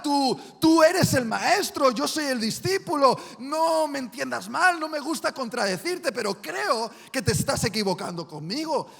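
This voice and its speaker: A man voicing a brash, boastful male disciple who shouts his loyalty, a rough fisherman sure of himself. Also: high voice, full character voice. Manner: bold, emphatic, shouting. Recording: reverberant church hall.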